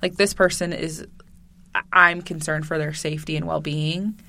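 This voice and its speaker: A woman's voice: deep voice, steady tone, moderate pace, sharp tone. A woman co-hosting a podcast in casual chat, talking loosely with lots of "like" and joking asides. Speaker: podcast co-host.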